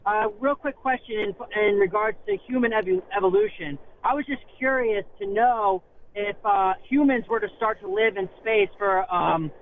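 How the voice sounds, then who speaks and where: A man's voice: sits high, moderate pace, narrow, tinny audio. A man calling in on a phone that sounds like a wind tunnel, asking a casual question hesitantly. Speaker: phone-in caller. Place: caller in a storm. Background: storm noise like wind tunnel.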